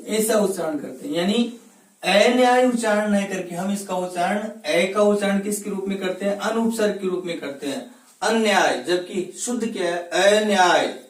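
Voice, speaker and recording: A woman's voice: mid-range voice, darkish tone, distant mic. A woman teacher giving a recorded grammar lesson, repeating each example word and answering her own questions. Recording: roomy echo, voice set back from the mic.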